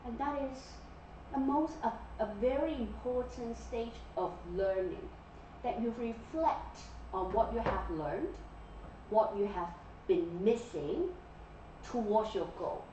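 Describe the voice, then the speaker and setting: A Malaysian guest lecturer in her forties runs an interactive class, frequently checking in with "okay?" and "yeah?". Her voice is on the high side, animated and warm, and she speaks slowly. The recording is dull and distant, in an echoey classroom with slight background noise.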